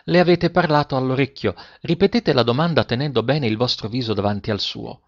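A calm woman schoolteacher explains gently and evenly, as a male reader puts her on. The voice sits low and quiet, measured. The recording is a little muffled. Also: lightly acted. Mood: patient. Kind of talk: audiobook reading.

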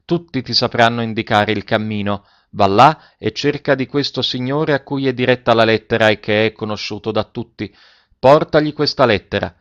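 A man reading aloud and voicing a kind, resolute grey-bearded older gentleman. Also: mid-range voice, lo-fi sound, natural voice. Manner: kind and resolute, speaks with authority.

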